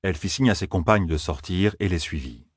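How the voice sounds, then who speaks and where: Male audiobook narrator, deep grainy voice, measured delivery, dry close recording. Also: slightly rough, no room sound. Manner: steady, measured storytelling. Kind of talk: scripted narration.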